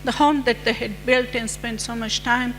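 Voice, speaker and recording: Woman, middle-aged, conference talk, measured, rhetorical, long hall reverb, low hum. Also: fairly even intonation, fairly bright tone. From Fiji. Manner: measured, lecturing with rhetorical questions. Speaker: conference speaker. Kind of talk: conference presentation.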